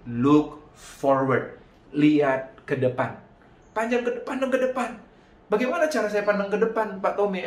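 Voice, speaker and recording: Male youth preacher, high voice, energetic sermon delivery, echoey hall sound. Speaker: youth pastor. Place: church hall.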